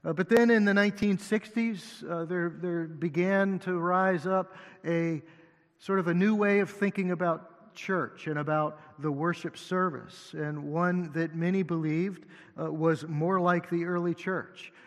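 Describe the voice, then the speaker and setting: A male associate pastor preaching a sermon at a pulpit microphone in a church sanctuary, unhurried and halting with many fillers, joking gently now and then. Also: high voice, fairly even intonation. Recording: long hall reverb.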